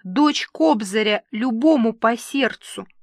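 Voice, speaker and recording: A woman's voice: on the high side, expressive, slow pace, no echo, studio quality, exaggerated voice. A woman reading aloud, voicing a vain, melodramatic aging male actor who pleads and coos. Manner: melodramatic, wheedling.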